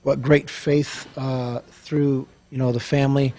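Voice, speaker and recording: A man of middle pitch speaks at an ordinary pace, earnest and halting. He reads a letter aloud, stops and restarts often, and then chats plainly about his work on a studio mic. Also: level tone, mellow. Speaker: service company owner and show host. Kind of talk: reading a letter aloud and chatting on a radio show.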